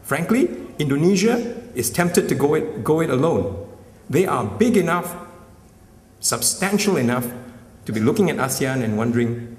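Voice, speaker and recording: A man delivers a conference keynote with an animated pitch that rises and falls freely. He keeps a middle pitch and drives his points home, often checking in with the crowd. His voice comes from a distance and rings through a large, reverberant hall. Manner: emphatic, often tags lines with "right?". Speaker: summit speaker. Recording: echoey hall, mic at a distance.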